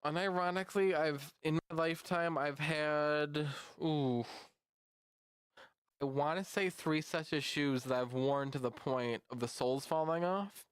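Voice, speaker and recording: A man's voice: fairly high pitch, a little slow, clean tone, no echo. A man streaming live, chatting casually with his viewers in a rambling way while reacting to memes. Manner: rambling and chatty, talks to chat.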